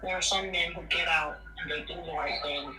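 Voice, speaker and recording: A woman's voice: low-pitched, fairly even intonation, fairly quick, bright, forceful tone. Woman caller, muffled as through a wall, hesitant polite pushback, far from the mic in a roomy space. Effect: muffled, as if heard through a wall. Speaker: caller on a live stream. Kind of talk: casual debate. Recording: muffled, roomy, distant call audio with faint noise.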